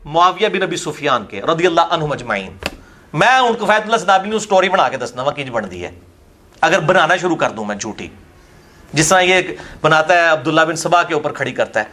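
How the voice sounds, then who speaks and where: Speaking as an interview guest, a man with a slightly high, sharp-toned voice swings widely in pitch. He argues a religious point combatively and with scorn, firing off pointed rhetorical questions in heated debate.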